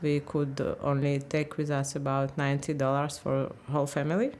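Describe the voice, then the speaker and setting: A woman in her fifties from Ukraine, speaking English, talks haltingly in a candid interview and often searches for words. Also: low-pitched, flat delivery, a little mellow. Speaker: interviewee, language teacher.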